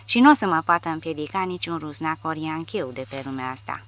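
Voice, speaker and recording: A woman's voice: deep voice, a bit bright. A woman reading the lines of a blunt, brutal young male soldier who swears revenge. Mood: vengeful. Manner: blunt, threatening.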